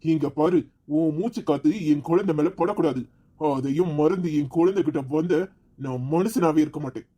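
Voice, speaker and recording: A man's voice: a little high, moderate pace, mellow, close to an everyday voice. An actor playing a protective father in a family drama, speaking firmly and emphatically. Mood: angry. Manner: firm, emphatic delivery. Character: protective young father, stern then gentle. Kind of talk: TV serial acting.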